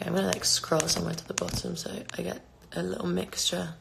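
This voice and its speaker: Through a very noisy phone livestream in an echoey room, a London-accented woman in her twenties answers her fans' questions as a singer. She talks fast in a level, gravelly, low-leaning voice, rambling casually with many fillers and restarts.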